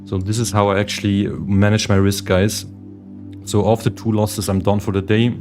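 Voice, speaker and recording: A young man from Switzerland, a day trader, hosts a relaxed livestream, talking with viewers and reading out their chat questions over meditation music. His pitch is fairly low and barely moves. He speaks at normal speed, with a slightly mellow tone.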